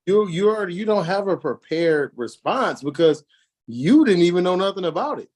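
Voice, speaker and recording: A man co-hosting a casual sports podcast over a video call, quick and incredulous, laughing easily. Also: high-pitched, lively intonation, a little mellow. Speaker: podcast co-host.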